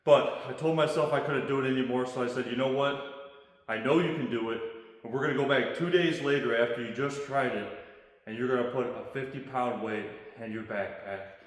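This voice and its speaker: A man earnestly telling a motivational story to the camera as a fitness host. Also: medium pitch. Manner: earnest, self-challenging. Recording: very echoey hall with long reverb.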